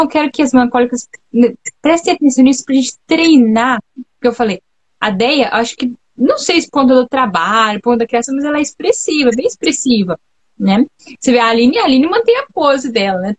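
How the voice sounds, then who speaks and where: A woman's voice: fairly high pitch, lively intonation, a little fast. A woman from Brazil hosting a live talk, speaking in a chatty, reflective way that keeps checking in with her listeners. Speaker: host of a live talk on temperaments. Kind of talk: casual live chat.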